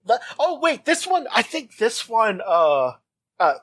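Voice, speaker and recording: Rich: A joking male co-host chiming in casually, with a lively pitch and a dry, close recording. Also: dry recording. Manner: joking, quick asides with fillers. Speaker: podcast co-host. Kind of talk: casual chat.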